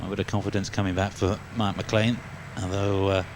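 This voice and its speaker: Low-voiced man as golf commentator. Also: little pitch movement, a little fast, noisy background. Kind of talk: live golf tournament commentary.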